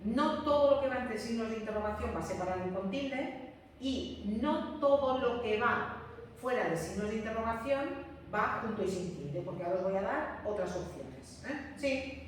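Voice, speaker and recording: A woman teaches a grammar lesson, repeating each rule and pausing to check that the class follows. Her slightly high voice comes from some distance off. The room has a long, ringing echo. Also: lively intonation. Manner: repeats key rules, checks understanding with frequent "¿m?". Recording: echoey classroom from far off, faint room noise.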